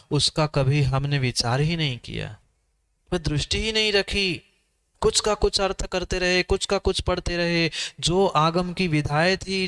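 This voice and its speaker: Emphatic male preacher, clear voice. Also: a little high, fairly bright tone. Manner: repetitive, emphatic, asks the audience questions. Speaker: Jain monk preacher. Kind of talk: sermon. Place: sermon hall.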